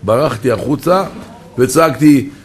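A man telling a personal story in an earnest, emotive way. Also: medium pitch.

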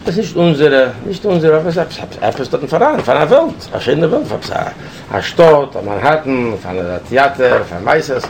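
A man telling a personal story in a casual, animated way, with many restarts and switches between languages. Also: a little high, moderate pace, a little hiss or hum.

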